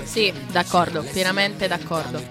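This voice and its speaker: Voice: mid-range voice, fairly even intonation, moderate pace, over music. A podcast co-host speaking in casual, easygoing chat.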